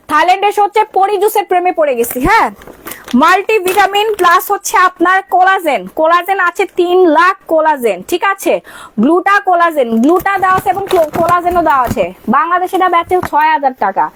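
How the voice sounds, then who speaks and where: High-voiced fast-talking Bangladeshi saleswoman. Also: lively intonation, fairly bright tone, slight background noise. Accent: Bangladeshi Bengali. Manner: rapid-fire sales pitch, repeats prices and calls to order. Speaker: live sales host. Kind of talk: live-stream product selling. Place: shop or stockroom during a live stream.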